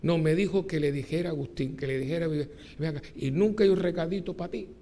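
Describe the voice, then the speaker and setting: A man, a priest giving a lively homily at mass, joking and asking his congregation rhetorical questions. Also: on the high side, fast talker, a little hiss or hum. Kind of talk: sermon. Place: church during mass.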